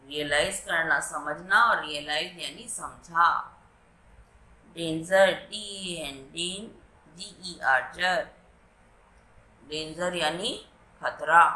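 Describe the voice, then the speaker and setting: Woman teacher, slow and deliberate, spelling words for young pupils, bright tone, roomy echo. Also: lowish voice. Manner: spells words letter by letter and translates each phrase; addresses children directly, slow deliberate reading of English. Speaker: English teacher. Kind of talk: bilingual classroom lesson explaining vocabulary and reading. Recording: echoey room.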